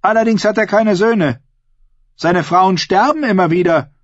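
A man's voice: high-pitched, unhurried, dry recording, dull audio, voice pushed up. A man voicing a bold, mocking young woman who teases a crowd of sea captains in an audiobook. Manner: teasing, cocky, commanding.

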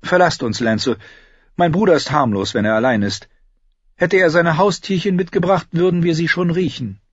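A male audiobook narrator voicing a proud, sharp-tongued noble queen in a raised, commanding voice. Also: a little high, moderate pace, husky, no room sound, muffled recording, voice pushed up. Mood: scornful. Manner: commanding, scornful, breathless when thrilled.

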